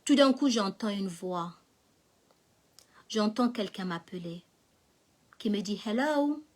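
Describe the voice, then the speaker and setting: Slow, dramatic woman storyteller. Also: medium pitch. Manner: dramatic, acts out scenes, swings from hushed to loud. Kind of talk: personal testimony storytelling.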